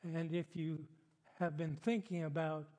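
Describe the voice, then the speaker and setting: An older man preaching a sermon as the church pastor, chatty and unhurried, with frequent laughs and filler words. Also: fairly high pitch, little pitch movement, dark tone. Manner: chatty, slow, laughs often, many fillers. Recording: long hall reverb. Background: congregation responding.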